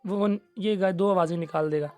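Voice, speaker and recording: A man teaching Quran recitation in a recorded lesson, patiently explaining and slowly drawing out each letter sound. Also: sits high, darkish tone.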